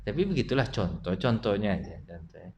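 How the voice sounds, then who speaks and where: A man's voice: on the low side, fairly quick, lo-fi sound, slight background noise. A middle-aged man preaching at a mosque study session, telling stories and putting questions to his audience. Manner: animated storytelling, asks the audience questions.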